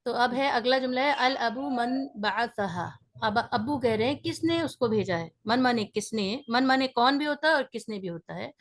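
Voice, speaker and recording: A woman's voice: on the high side, lively intonation, few pauses. A woman teaching a beginners' grammar class online, explaining step by step and often checking in with her students.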